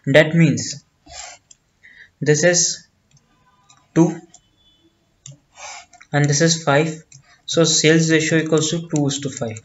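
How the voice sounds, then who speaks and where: A man with an Indian accent teaching accounts, working step by step through an exam problem and deliberately repeating phrases. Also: on the high side, fairly even intonation, dull audio.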